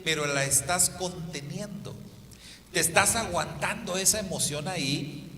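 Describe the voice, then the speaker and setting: A Mexican pastor with a high, sharp voice preaches a sermon, emphatically asking the congregation rhetorical questions. The recording carries a slight hiss or hum and the long reverb of an echoey hall.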